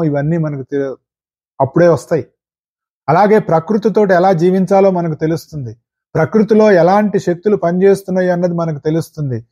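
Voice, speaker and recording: A spiritual teacher giving a discourse in an earnest, repetitive way, with rhetorical questions. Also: male voice, on the high side, mellow, lo-fi sound.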